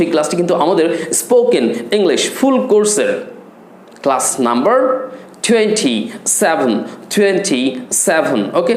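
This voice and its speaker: A man teaching an English pronunciation class, drilling words slowly and having students repeat after him. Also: fairly high pitch. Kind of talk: online spoken English lesson. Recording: echoey room with faint noise.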